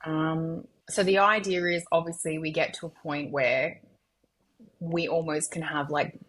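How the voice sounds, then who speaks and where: Low-voiced woman co-hosting a tech podcast. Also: fairly even intonation, a bit bright. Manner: chatty, quick to jump in and laugh. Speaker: podcast co-host. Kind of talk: casual tech podcast chat.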